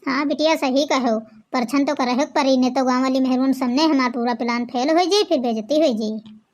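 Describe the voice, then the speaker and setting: A woman's voice: high voice, fairly quick, darkish tone, natural voice. A woman playing a grudging, wicked village stepmother in a comedy skit, speaking conniving lines with an Awadhi accent. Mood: scheming.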